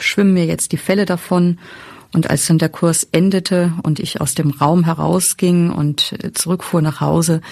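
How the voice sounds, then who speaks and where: A woman's voice: on the low side, darkish tone, no room sound, clean studio sound. A woman in her forties, an author and pastoral counsellor, recalling a course in a thoughtful, self-critical way. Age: 40s. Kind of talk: interview recollection.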